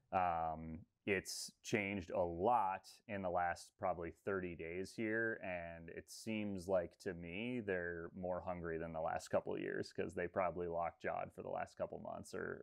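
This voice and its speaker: A man's voice: low-pitched, a little slow, vocal fry. A man in his thirties, a fishing guide, talking casually on a video call with lots of fillers. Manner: relaxed, rambling, many fillers. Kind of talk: casual interview talk. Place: room with textured ceiling. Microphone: video call webcam.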